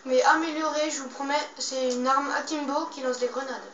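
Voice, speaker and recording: A high-pitched woman gives casual play-by-play while gaming, muttering and swearing lightly. She sounds some way from the microphone in an echoey room. Her phrasing is slangy and informal. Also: fairly even intonation, moderate pace, lo-fi sound. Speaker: gamer playing a zombie game. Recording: roomy, distant mic, loud background noise.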